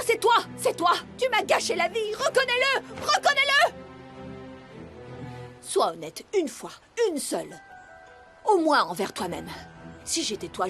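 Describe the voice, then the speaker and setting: A woman's voice: very high-pitched, fairly bright tone. A woman dubbing a bitter, vengeful middle-aged daughter in a TV drama, speaking intensely and accusingly. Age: 40s. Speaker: dub actress. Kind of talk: French dub of a TV drama.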